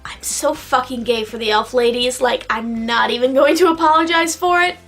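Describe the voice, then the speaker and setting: Woman, high voice, tipsy drunken rambling, profane casual vlog review, emphatic drawn-out words, music behind. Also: a bit bright. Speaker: vlogger reviewing a film.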